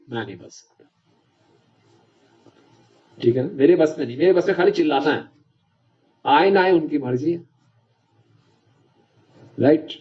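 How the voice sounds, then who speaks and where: Man preaching in a chatty, questioning way. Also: fairly high pitch. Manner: conversational, checks understanding with the audience. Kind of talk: devotional lecture. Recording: dull lo-fi lecture recording.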